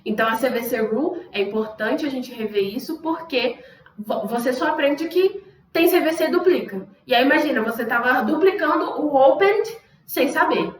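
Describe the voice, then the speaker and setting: A woman's voice: sits high, expressive, moderate pace, echoey room, recorded from a distance, poor audio. A young woman teaching an English lesson, explaining a rule patiently and saying example words again and again with exaggerated stress. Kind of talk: online language lesson.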